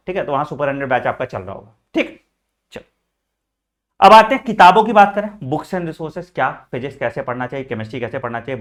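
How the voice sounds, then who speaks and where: A man's voice: on the high side, a bit bright. A man coaching exam students in a casual lesson, talking directly and checking in often, mixing in English phrases. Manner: frequent "theek hai" check-ins, addresses students as beta.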